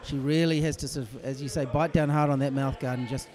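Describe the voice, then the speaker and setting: A man co-commentating a boxing bout, measured and careful in his calls. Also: mid-range voice, fairly even intonation, darkish tone. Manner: measured, hedging analysis. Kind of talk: live fight commentary.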